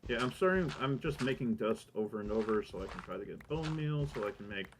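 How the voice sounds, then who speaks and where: A man's voice: lowish voice, animated, brisk. A man giving casual, rambling gameplay commentary, thinking aloud, with a minor lisp that makes his S sounds whistle and hiss. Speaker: gamer recording a let's play.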